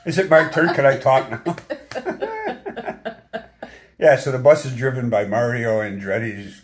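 A man's voice: medium pitch, sing-song, slow. A man in his fifties, a long-distance hiker vlogging with his partner, rambling easily and laughing at his own stories into a phone held at arm's length. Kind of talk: casual chat to camera. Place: hotel room, indoors.

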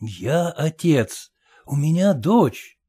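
Flustered gentleman, read by a man, animated, mellow timbre, storybook dialogue. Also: on the high side, drawn-out words, slightly rough, exaggerated voice. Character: flustered young gentleman, timid then cheerful.

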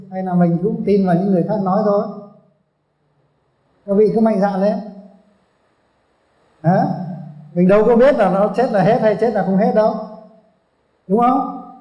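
A man's voice: high voice, warm tone. A man giving a Buddhist dharma talk to a seated audience, prodding them with questions and asking for a show of hands. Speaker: Buddhist monk teacher. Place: hall with audience. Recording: echoey hall, dull lo-fi sound.

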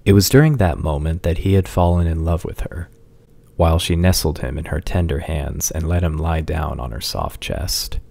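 A man reading a fantasy story aloud in scripted narration, slow and measured. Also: rumbling low, vocal fry, darkish tone.

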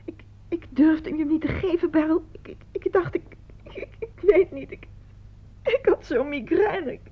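An actress playing a guilt-ridden middle-aged mother in an old radio play, speaking haltingly and stammering through her words. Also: high voice, lightly acted. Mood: tearful. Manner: faltering, stammering. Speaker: doctor's wife. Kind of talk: 1950s-style radio drama acting. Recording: dull old radio recording.

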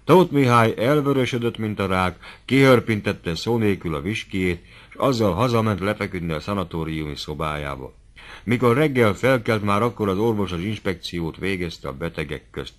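A man narrating a classic novel as an audiobook in a measured, steady storytelling manner. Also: fairly low pitch.

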